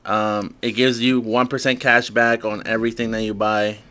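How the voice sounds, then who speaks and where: A man's voice: lowish voice, level tone, normal speed, sharp tone. A man hosting a casual podcast segment, rambling through news with many filler words. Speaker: podcast host. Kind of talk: casual chat.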